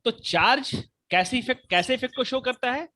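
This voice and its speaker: A man teaching a physics class online, explaining slowly with many repetitions and rhetorical questions, speaking with the mic held right at his mouth. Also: very high voice, bright, forceful tone. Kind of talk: live online class lecture.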